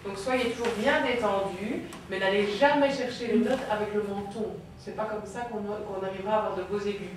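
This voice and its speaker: A woman's voice: mid-range voice, brisk, hardly any pauses. Woman singing teacher in echoey room. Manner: coaching, breaks into sung vowel demonstrations. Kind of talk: group voice lesson. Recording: very echoey room, distant mic, faint noise.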